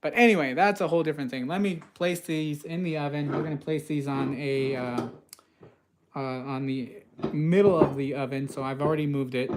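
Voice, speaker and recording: Male live-stream cooking host, West Coast, slightly higher voice, loose and chatty with filler words. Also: steady tone, normal speed, noisy background. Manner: casual, rambling, many uhs, reads viewer comments aloud.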